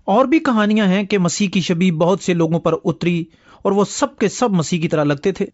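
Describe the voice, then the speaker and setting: Man doing a high-pitched guy retelling old stories, muffled lo-fi sound. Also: natural voice. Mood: storytelling. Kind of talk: scripted dialogue drama. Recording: muffled lo-fi audio.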